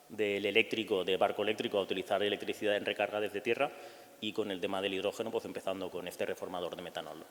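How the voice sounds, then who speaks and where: A man speaking on a panel in a halting way, often repeating words mid-phrase. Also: lowish voice, a little hiss or hum. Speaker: panelist, ferry company representative. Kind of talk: panel presentation. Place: university conference hall. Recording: long reverb in a lecture hall.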